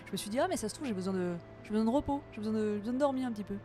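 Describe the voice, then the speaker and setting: A woman chatting casually with her live-stream audience while gaming, playful and quick to laugh, her voice a little tired. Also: a little high, expressive, dark tone.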